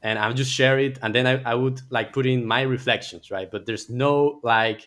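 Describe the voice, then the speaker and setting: Guy, guest on a podcast, keeps restarting his words, mid pitch. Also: steady tone, normal speed, a bit bright. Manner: hesitant, many fillers and repeated words. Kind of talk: casual interview chat.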